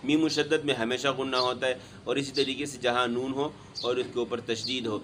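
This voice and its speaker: A man teaching Quran recitation. He chants each verse slowly and melodically, then explains the pronunciation of the letters quickly in a lower, plainer speaking voice. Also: little pitch movement, fairly bright tone, a little hiss or hum. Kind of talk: tajweed lesson, recitation with explanation.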